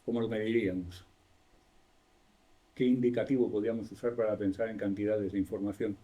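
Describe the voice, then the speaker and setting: A man's voice: on the low side, steady tone, brisk, mellow. A man with a Spanish accent giving a university lecture in a classroom, explaining step by step, asking the class questions and correcting himself as he goes.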